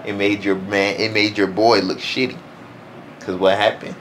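A man's voice: fairly low pitch, level tone, moderate pace. A man hosting a casual vlog, bragging and teasing his friends as he talks over them. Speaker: vlogger host. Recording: echoey room with loud background noise.

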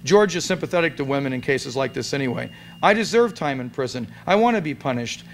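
A man giving a dramatic reading of a comic story at a gathering in a restaurant, in a deadpan, amused tone. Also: mid-range voice, fast talker, a little hiss or hum. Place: restaurant event room.

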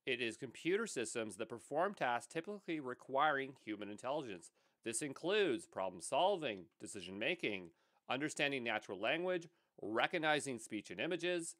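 A man teaching a technical course in a relaxed, conversational way, with a mid-range voice. He talks over slides, often adds filler words, and drops in quick asides. The sound is close and dry, with no room around it. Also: medium pitch, no room sound. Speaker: course instructor. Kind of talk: casual lecture over slides.

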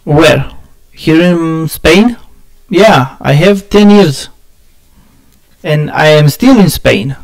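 On his game stream, a man from Romania talks casually to viewers in a somewhat high voice and a Romanian accent. He's halting, hunts for the right words, and frequently laughs at himself.

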